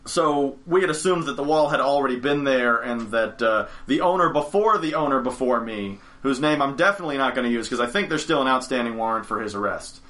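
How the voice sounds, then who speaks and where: A man's voice: mid-range voice, expressive, fairly quick, hardly any pauses, bright, forceful tone, slight background noise. A young man chatting on a podcast as a storyteller, rambling and correcting himself as he goes. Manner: rambling, self-correcting, chuckles often. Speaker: game store owner, podcast storyteller. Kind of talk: casual podcast chat. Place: studio.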